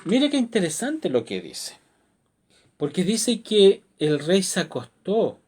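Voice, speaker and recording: Male pastor, devotional sermon, lively swooping delivery, fairly high voice, rhetorical questions. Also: slow pace, husky. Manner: expressive, asks rhetorical questions.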